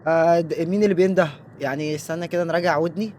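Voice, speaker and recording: A man with an Egyptian Arabic accent narrates his horror game run at a quick clip, joking and bantering with the figures on screen. His voice sits a little high. A faint noise runs underneath. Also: fairly even intonation, darkish tone. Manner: joking, talks back at the game. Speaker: let's play gamer.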